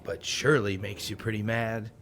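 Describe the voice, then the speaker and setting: A man's voice: fairly low pitch, fairly even intonation, moderate pace, a bit bright, a little hiss or hum, close to an everyday voice. A man playing War, a scheming horseman of the apocalypse, blunt and prodding, in a naturalistic radio comedy. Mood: insinuating.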